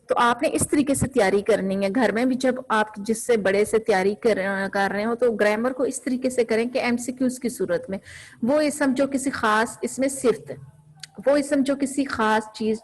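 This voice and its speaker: A woman teaching a grammar class, asking her students questions and then answering them herself. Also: a little high.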